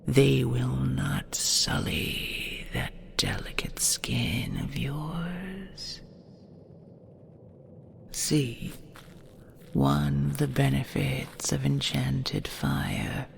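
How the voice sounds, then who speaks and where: In an intimate audio roleplay, a woman plays an ancient she-dragon, possessive and tender, who whispers soothingly in formal, old-fashioned language. Her bass voice moves very slowly, fully in character, in a breathy, creaky whisper.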